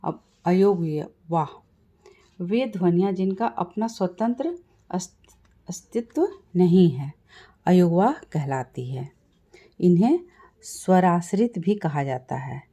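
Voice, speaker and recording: A woman teaching Sanskrit grammar, explaining slowly, repeating points and asking and answering her own questions. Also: lowish voice, expressive, warm tone. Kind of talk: classroom-style lesson explanation.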